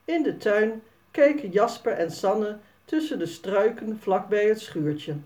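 Woman reading a kids story, slow and lively in pitch. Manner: slow, expressive.

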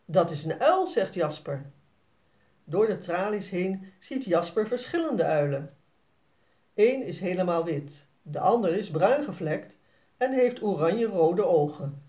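A children's storybook narrator who reads slowly and clearly. The delivery is expressive, with a lively, melodic rise and fall. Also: mid-range voice. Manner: slow, expressive reading for children. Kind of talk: storybook read-aloud.

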